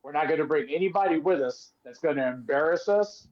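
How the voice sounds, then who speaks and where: A man's voice: fairly high pitch, a little fast, lo-fi sound. A man co-hosting a podcast, telling stories in a casual chat and acting out the voices of people he quotes. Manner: animated, acts out quoted voices. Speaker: podcast co-host, former wrestler.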